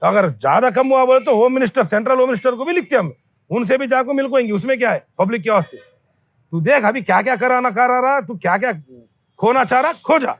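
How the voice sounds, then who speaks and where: A man's voice: very high voice, animated, fast, a bit bright, no room sound, muffled recording. A man giving an angry public warning to a businessman, scolding bluntly and repeating his threats. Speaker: local activist addressing a company owner.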